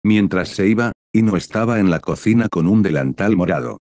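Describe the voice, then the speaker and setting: Deep-voiced man narrating a fan story. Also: lively intonation, a little fast, a little mellow, dry recording, clean studio sound. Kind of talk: reading a fan fiction story.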